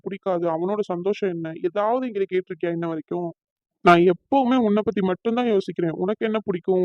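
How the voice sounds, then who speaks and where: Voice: mid-range voice, no room sound, dull audio, lightly acted. Someone voicing a bitter young man Rahul. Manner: bitter, brooding complaints. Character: hurt, resentful young man about to marry.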